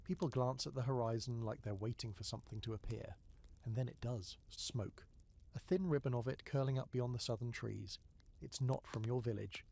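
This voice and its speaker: A man reads a bedtime history story in a gravelly, husky voice. He speaks slowly and softly in the second person, sometimes sinking to a whisper. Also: medium pitch. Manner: slow, soft second-person storytelling, dropping to a whisper at times. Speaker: narrator. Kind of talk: calm scripted bedtime narration.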